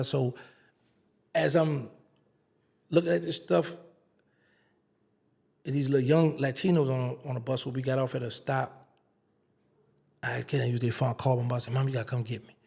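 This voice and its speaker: A man's voice: mid-range voice, gravelly. A man, an interview guest telling a casual story and acting out the dialogue. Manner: animated storyteller, acts out quoted dialogue.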